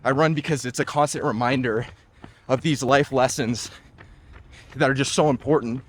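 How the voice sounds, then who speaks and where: A man's voice: mid-range voice, fairly even intonation, moderate pace, a little hiss or hum. A young man in his twenties, chatting casually and upbeat while running outdoors and sometimes getting out of breath. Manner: upbeat, chatty, lots of "like" and "just". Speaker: running vlogger. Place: outdoors on a trail.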